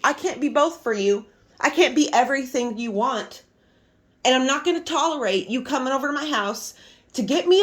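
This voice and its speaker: A woman's voice: sits high, breathy edge. A middle-aged woman venting to her viewers in a casual monologue, emphatic and exasperated, swearing freely. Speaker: vlogger.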